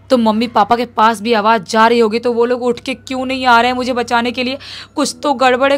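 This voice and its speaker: Higher-pitched woman narrating a horror story. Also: slight background noise. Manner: suspenseful, rising with intensity.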